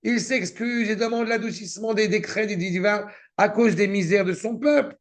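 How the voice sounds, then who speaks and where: A man at normal speed with a high-pitched voice leads a Torah class, quoting Hebrew verses and then offering commentary on them. His explanations come with cynical asides.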